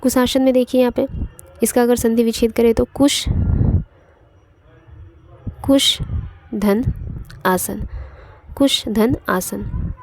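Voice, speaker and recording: Woman teaching grammar, high mellow voice. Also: fairly even intonation, slow, long pauses, slight background noise. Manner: explanatory, repeats points, frequent fillers and checks "ठीक है". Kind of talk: online exam-prep lecture.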